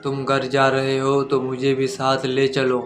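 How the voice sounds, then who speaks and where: A man voicing a kindly elderly village priest, speaking gently in his own plain voice inside a spoken horror story. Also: medium pitch, completely flat delivery, measured pace, soft background music, natural voice. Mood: pleading.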